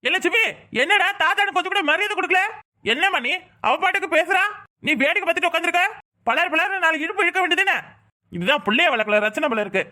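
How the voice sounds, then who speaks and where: A strict old grandfather in a cartoon, voiced by a woman with a southern Tamil accent. The voice sits high and bright, and he rattles off threats and complaints about how the children are raised. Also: fast talker. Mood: scolding. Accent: southern Tamil Nadu, Tirunelveli-Kanyakumari. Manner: scolding, threatening. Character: old grandfather, stern and scolding.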